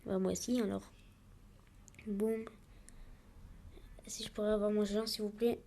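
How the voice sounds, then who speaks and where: Casual woman gamer, talks through each move live, mid-pitched, easygoing let's-play energy. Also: flat delivery, measured pace, creaky, warm tone. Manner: chatty, narrates each move as it happens. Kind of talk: live gameplay commentary.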